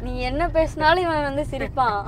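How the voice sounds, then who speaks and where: A woman's voice: high voice, brisk, a crowd in the background. A woman filming her family on a car trip, chatting casually and teasing them. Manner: teasing, bantering.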